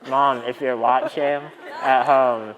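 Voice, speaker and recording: A man's voice: mid-range voice, fairly even intonation, slow, long reverb tail, background noise. A man in his twenties telling stories in a conference keynote, with a wry, self-deprecating humor. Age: 20s. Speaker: keynote speaker. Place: conference stage.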